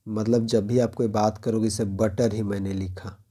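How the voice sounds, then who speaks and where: Dark-voiced Indian man teaching a lesson. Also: fairly low pitch, little pitch movement. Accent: Indian English. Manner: explains slowly, reads English lines aloud slowly, checks in with "clear?". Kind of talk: exam-prep lecture.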